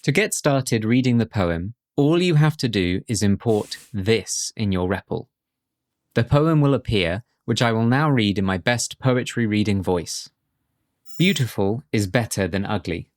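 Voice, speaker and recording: A man narrating a scripted programming course as instructor, in a clear, measured way with light humor. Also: on the low side, lively intonation, no echo.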